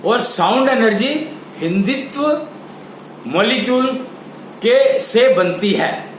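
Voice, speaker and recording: A man teaching a spiritual lecture, explaining in a slow, halting way with many pauses. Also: very high voice, animated. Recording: echoey room with faint ambient noise.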